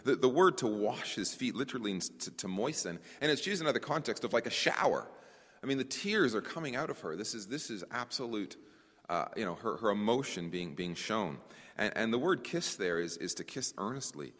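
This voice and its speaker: Guy preaching at a conference, lowish voice that swings up and down a lot, big hall echo. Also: brisk. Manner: animated, repeats words while searching for phrasing; addresses listeners as brothers and sisters. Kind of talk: conference sermon. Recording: long hall reverb.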